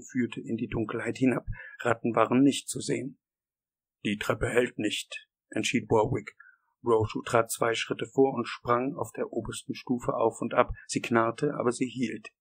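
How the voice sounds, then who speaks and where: Gravelly, husky male audiobook reader. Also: medium pitch, poor audio. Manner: measured, steady reading. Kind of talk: scripted horror narration.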